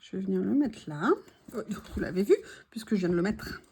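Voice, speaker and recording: A woman's voice: mid-range voice, expressive, brisk, warm tone, husky. A woman narrating her journal crafting casually, chatty and hesitant as she describes each step. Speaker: journaling vlogger.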